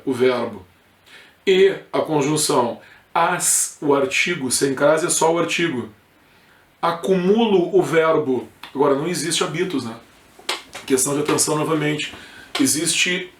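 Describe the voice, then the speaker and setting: A man with a southern Brazilian accent from Rio Grande do Sul, teaching an informal exam review lesson and often checking in with his students. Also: on the high side. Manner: informal, peppered with checks like "correto?" and "tá?". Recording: echoey room.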